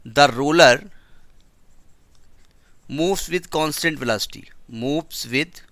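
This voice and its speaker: Bright-voiced male physics teacher lecturing. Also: high voice, no echo, clean studio sound. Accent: Indian English. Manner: explains step by step, asks the class questions.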